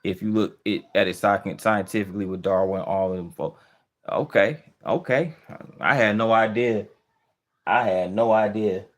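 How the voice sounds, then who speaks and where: Speaking at normal speed in a fairly low pitch, this livestream host reads and responds to viewer comments. His casual live chat is easygoing and questioning, full of restarts and filler words as he thinks out loud.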